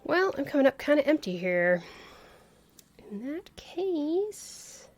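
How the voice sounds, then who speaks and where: Her high voice swings widely in pitch and moves at a slow pace. The streamer chats through her game in a playful, exclamatory way while game music plays.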